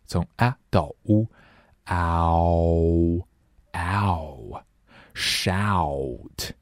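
A man teaching English pronunciation in a recorded lesson, saying each word slowly and repeating it twice between explanations. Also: low-pitched, darkish tone, no room sound, clean studio sound. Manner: switches between explaining and drilling words aloud.

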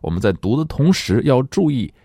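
A man whose first language is Chinese, teaching English pronunciation and reading each word slowly twice for his students to repeat. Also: mid-range voice, sing-song, creaky, warm tone, slightly rough, no room sound, clean studio sound. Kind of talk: language lesson, reading words slowly for repetition.

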